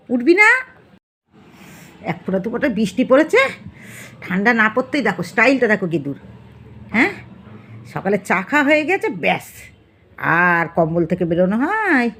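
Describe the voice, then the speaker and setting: A woman's voice: a little high, fairly bright tone, husky. A woman talking affectionately to her pet cat at home, coaxing it in baby talk for a casual vlog. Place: home, indoors.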